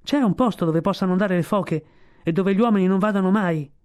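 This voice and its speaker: A man voicing an eager young male fur seal in a storybook, shouting excitedly. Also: sits high, moderate pace, clean tone, dry recording, studio quality, voice pushed up, close to an everyday voice. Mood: shrill excited.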